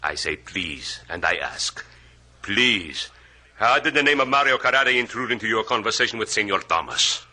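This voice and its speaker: An actor playing a formal, guarded Cuban police inspector, speaking slowly and politely with a Cuban Spanish accent in a 1950s radio drama. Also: male voice, on the low side, expressive, bright, forceful tone, exaggerated voice. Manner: overly polite, slow and precise.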